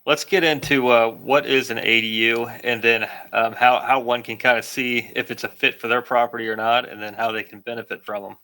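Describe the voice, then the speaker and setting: Bright-voiced male podcast host. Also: mid-range voice, steady tone, brisk, hardly any pauses. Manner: upbeat, reads guest introduction. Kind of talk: podcast interview.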